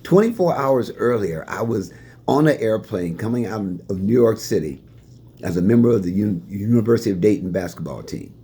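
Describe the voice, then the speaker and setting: A man's voice: on the low side, fairly quick, husky. An older man from Indiana telling stories from his life, chuckling as he answers questions. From Fort Wayne, Indiana, USA. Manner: animated, chuckling anecdotal storytelling. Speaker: retiring staff member sharing life lessons.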